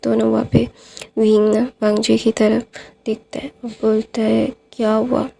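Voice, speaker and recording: A woman's voice: on the high side, level tone, unhurried, gravelly, warm tone. A woman retelling a fan-fiction story in a casual, loose way, full of fillers and linking phrases. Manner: loose, with many fillers and "then there" links.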